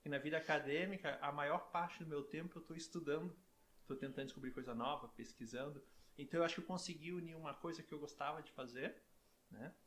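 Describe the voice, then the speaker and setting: A middle-aged man from southern Brazil, a professor talking as a guest in a relaxed interview, chatty and full of "né?" tags and restarts. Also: on the high side, fast talker, slight background noise.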